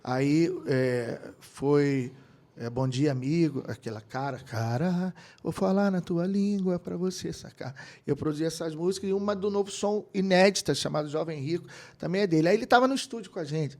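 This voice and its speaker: A man's voice: fairly high pitch, normal speed. A middle-aged man from Brazil, a keyboardist and producer telling anecdotes in a casual interview. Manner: animated anecdotes with quoted voices and laughter. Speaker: guest, keyboardist and music producer.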